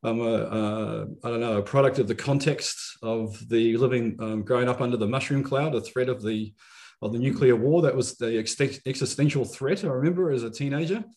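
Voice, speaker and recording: A man in his fifties with a New Zealand accent, talking reflectively about himself in a measured, halting way with frequent pauses. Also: mid-range voice, darkish tone. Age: 50s. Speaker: podcast guest. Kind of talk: reflective conversational self-introduction.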